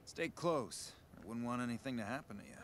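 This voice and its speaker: A man playing a smug, self-important mercenary bodyguard in a video game, talking briskly and confidently. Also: mid-range voice, lively intonation, close to an everyday voice. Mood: smug, guarded. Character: smug, cocky male mercenary bodyguard, shady con artist. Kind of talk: video game character dialogue.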